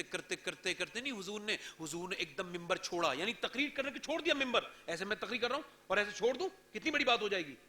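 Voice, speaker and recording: A man delivers an impassioned sermon in a very high, strikingly bright voice. He tells his story softly, then rises to shouted peaks and presses the listeners with questions. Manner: swings from soft low narration to loud shouted climaxes; addresses audience directly, asking rhetorical questions. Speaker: preacher. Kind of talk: emotional Islamic sermon storytelling.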